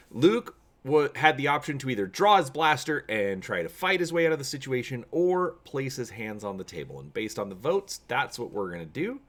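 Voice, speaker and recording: Fairly bright, with a medium pitch, the man here is a tabletop gaming channel host. He gives viewers a casual video intro and then performs an adventure story aloud, narrating it dramatically.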